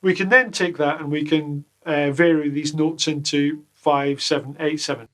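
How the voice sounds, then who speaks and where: A man gives a relaxed guitar lesson from a small home studio, and his voice sits a touch higher than most men's. He drops deadpan jokes between the explanations. Loud guitar plays behind him. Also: moderate pace. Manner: jokey, deadpan asides. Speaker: guitar teacher. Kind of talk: casual video lesson.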